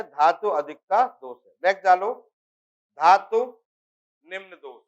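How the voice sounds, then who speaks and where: High-voiced male chemistry teacher, lo-fi. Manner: explains with repeated questions to students. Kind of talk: classroom lecture. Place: classroom.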